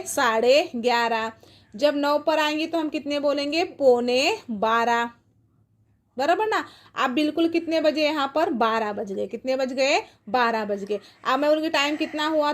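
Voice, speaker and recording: A woman teacher explains clock times step by step, patiently asking questions and answering them herself. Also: high-pitched. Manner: patient, asks and answers her own questions. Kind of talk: classroom math lesson.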